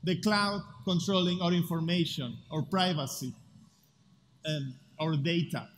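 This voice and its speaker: This conference talk comes from a speaker at a future festival, an Argentine man whose first language is Spanish and who speaks with an Argentine accent in a voice on the high side. Presenting from the stage of a large festival hall, he sounds earnest and deliberate, pausing for rhetorical effect. Long reverb, faint ambience, and a slight room hum fill the live recording.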